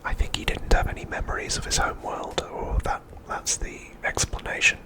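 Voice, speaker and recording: A man takes on the role of ASMR host to walk through an episode recap, whispering in a hushed, breathy way with no voicing and a deliberate delivery.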